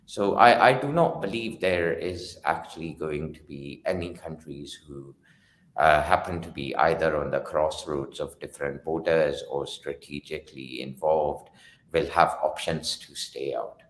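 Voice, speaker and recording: Very deep-voiced man in an echoey room. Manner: halting, often repeats his opening words. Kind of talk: casual political discussion. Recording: roomy echo.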